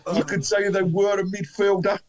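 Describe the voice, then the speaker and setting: A man's voice: sits high, flat delivery, a little fast, over a noisy crowd. A man hosting a casual football quiz, chatting informally with the other players. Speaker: quiz host.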